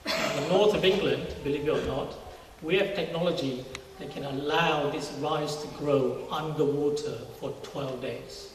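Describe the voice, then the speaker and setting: Speaking in a large church hall, a middle-aged Singaporean guest who works as a university research scientist gives an informal testimony interview. His slightly high voice moves a little slowly, explaining conversationally with hardly any pauses. A far-off mic records the very reverberant room and some faint noise.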